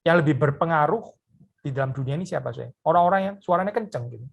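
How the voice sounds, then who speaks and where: A man's voice: on the high side, animated, racing, gravelly. A pastor preaching a sermon in an earnest, conversational way, addressing his listeners directly, tagging phrases with short asides and mixing in English words.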